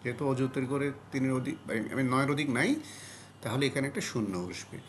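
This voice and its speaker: A man's voice: mid-range voice, brisk, slight background noise. A man explaining a primary school math lesson step by step, patient and repetitive, with frequent fillers and self-corrections. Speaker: math tutor.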